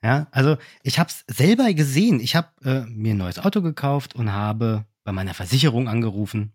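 Two men in conversation, and this one has a middle-pitched voice that comes across very dry and close to the mic. He keeps things lively, tells stories and jumps in and out of the little phone scenes he acts out. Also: a little fast, breathy edge, dry recording. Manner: lively storytelling, acting out phone calls. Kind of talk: casual business chat.

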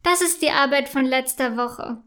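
A woman reading as a gentle caring mum. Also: high voice, moderate pace. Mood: amused. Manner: soft, reassuring storybook voice. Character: caring, gentle mother of a schoolgirl.

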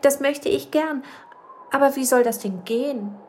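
A woman voicing a small, excited young witch girl who talks in a bright, eager, quick way. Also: fairly high pitch, a little hiss or hum, pitched above the performer's own voice, natural voice.

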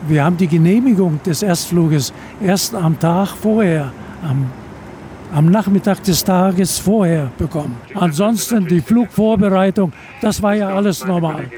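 Man in his eighties, high soft-toned voice, measured reminiscing, faint cabin noise behind. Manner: deliberate, measured, pauses mid-phrase. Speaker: retired airline captain, interview guest. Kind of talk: reminiscing interview answers. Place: aboard an airliner.

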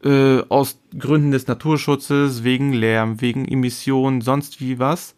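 A man co-hosting a casual podcast chat, explaining slowly with many fillers and restarts. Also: mid-range voice, little pitch movement, darkish tone. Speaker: podcast co-host.

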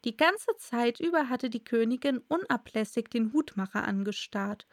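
A woman reading a storybook aloud as narrator, calm and measured. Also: fairly high pitch, no room sound, clean studio sound.

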